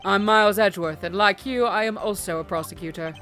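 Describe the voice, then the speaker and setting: A woman voicing a cool, formal male prosecutor in a video game, with a measured, haughty manner. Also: medium pitch, fairly bright tone, faint music behind, voice pushed down, close to an everyday voice. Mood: composed.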